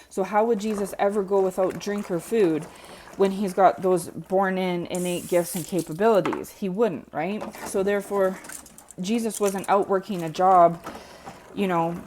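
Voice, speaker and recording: A woman with a fairly low voice shares an informal religious message while she washes dishes. She talks conversationally, like a lay preacher chatting to followers. Clear noise from the dishes runs behind her voice. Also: darkish tone. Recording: clear background noise of dishwashing clatter. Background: dishes being washed.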